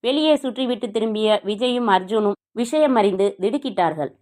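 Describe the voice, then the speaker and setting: A woman's voice: fairly high pitch, expressive, brisk, a little mellow. A woman narrating a crime novel and reading every character's dialogue with emotion.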